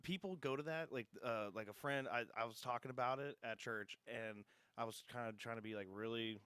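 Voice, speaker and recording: A man co-hosting a podcast, chatting casually in a halting way with many fillers, and laughing along. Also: medium pitch, fairly bright tone, clear, resonant tone, no echo. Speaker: podcast co-host. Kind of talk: casual chat.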